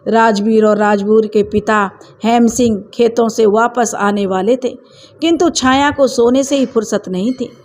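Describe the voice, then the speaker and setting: Woman storyteller, slightly high voice. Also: steady tone, unhurried, a little mellow. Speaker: storyteller, channel host. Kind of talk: scripted story narration.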